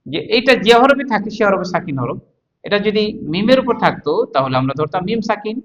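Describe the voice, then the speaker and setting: A man teaching Quran reading, patiently sounding out each syllable several times in a slow spoken lesson with a Bangladeshi Bengali accent. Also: high voice, fairly bright tone, rough recording.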